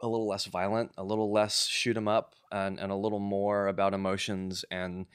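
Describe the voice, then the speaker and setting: Low-voiced man chatting in a relaxed ramble. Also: a little fast, clean tone, no echo, clean studio sound. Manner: relaxed, rambling with many fillers. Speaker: guest composer. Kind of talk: casual interview chat.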